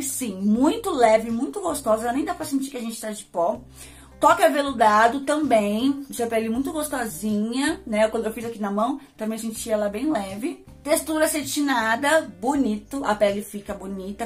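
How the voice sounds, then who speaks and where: A Brazilian woman with a Brazilian Portuguese accent, chatting casually to her viewers as she tries out and reviews a face powder. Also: fairly high pitch. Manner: chatty, addresses viewers as gente. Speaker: beauty vlogger.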